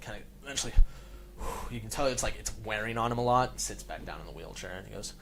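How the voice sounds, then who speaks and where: A man narrating as game master in a tabletop game, loose and relaxed with lots of fillers. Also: on the low side, fast talker, vocal fry, a little hiss or hum.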